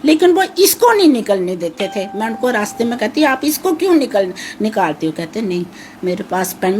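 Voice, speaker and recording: An older woman with a high, naturally harsh-sounding voice speaks anxiously about her missing son in an emotional interview, with a little hiss or hum in the recording. She pleads and repeats herself.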